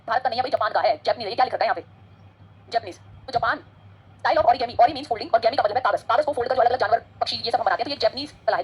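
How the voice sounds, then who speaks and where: A woman's voice: a little high, breathy edge. A woman teaching an exam-prep lecture, chatty and code-switching between Hindi and English.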